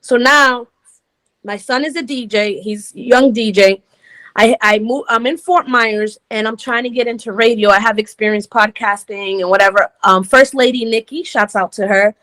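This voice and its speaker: A woman in her forties from Rhode Island talks through her story as an interview guest, with a slightly high voice. She is lively and chatty and laughs easily as she goes. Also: normal speed. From Rhode Island, United States. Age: 40s. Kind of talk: casual interview chat.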